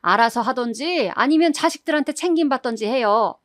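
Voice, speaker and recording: A woman voicing a grumpy, sharp-tongued middle-aged mother-in-law who scolds in a shrill voice. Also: lively intonation, fairly quick, no echo, clean studio sound. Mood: grumbling, defiant. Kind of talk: storytelling.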